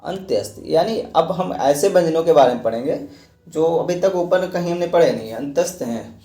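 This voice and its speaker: A man's voice: on the high side, warm tone. Man teaching in an echoey room. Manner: explains step by step, repeats points, asks and answers his own questions. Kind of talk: classroom lecture.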